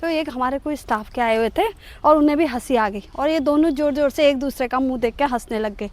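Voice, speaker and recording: A middle-aged woman telling a comic personal story to her viewers in an animated, self-mocking way. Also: high-pitched, brisk. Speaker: vlogger.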